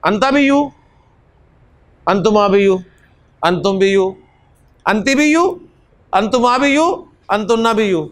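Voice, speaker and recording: A man with a very high voice leads a classroom lesson. He works through recitation drills patiently and repeats each item. He often adds a polite "ji" as he speaks to his students. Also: lively intonation, slow pace, long pauses. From Pakistan. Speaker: teacher.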